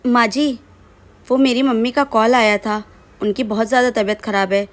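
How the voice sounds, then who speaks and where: A woman's voice: a little high, fairly even intonation, moderate pace, lightly acted. A woman voicing a young educated daughter-in-law in a family drama skit, who speaks in formal, polite address and gives firm answers. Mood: pleading.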